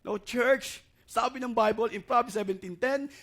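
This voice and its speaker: A man's voice: very high-pitched, normal speed, a bit bright. A male pastor preaching a sermon, mixing Tagalog and English and often asking the congregation questions. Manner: switches between Tagalog and English, quizzing the congregation.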